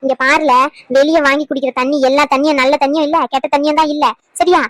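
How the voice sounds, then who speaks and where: A sharp-tongued older mother-in-law, as a woman voices her in a cartoon, rustic and scolding. She talks high and quick, recorded dry and close. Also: level tone, no room sound, lightly acted, poor audio. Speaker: cartoon character.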